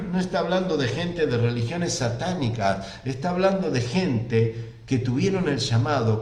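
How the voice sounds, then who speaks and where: A man with an Argentine accent delivers a sermon at a mid-range pitch, moving between scripture readings and emphatic preaching. He drives his points home by repeating phrases. The recording rings with room echo. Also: darkish tone. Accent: Argentine Spanish.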